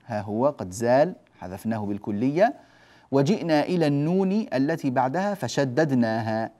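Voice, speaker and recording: A man teaching the rules of Quran recitation, explaining step by step, drawing on a board, checking that the class follows, and stretching out example words slowly. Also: medium pitch, dark tone. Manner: explains step by step and often asks the class "جيد؟". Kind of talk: classroom lesson on tajweed rules.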